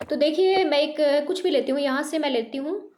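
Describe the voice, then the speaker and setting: A woman's voice: high-pitched, normal speed. A woman teaching a beginners' Hindi lesson online, patiently sounding out syllables, mixing in English words and checking in with her students. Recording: noisy recording with clicks.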